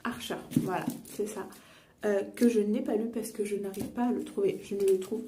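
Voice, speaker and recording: A woman's voice: medium pitch, fairly even intonation, normal speed. A young woman vlogger chatting casually while doing her makeup, rambling with many fillers and self-corrections. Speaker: beauty and books vlogger. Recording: echoey room, a bit far from mic, faint noise.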